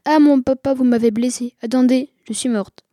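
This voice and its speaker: A woman voicing a small girl acting on stage, declaiming her lines loudly in a storybook reading. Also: fairly high pitch, steady tone, moderate pace, no echo, studio quality, lightly acted. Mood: playful. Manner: loud, declaiming childlike lines.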